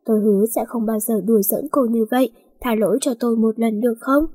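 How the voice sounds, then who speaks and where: A woman's voice: fairly high pitch, steady tone, quick pace, mellow, breathy edge. A woman voicing a remorseful young man who pleads earnestly for forgiveness. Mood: pleading.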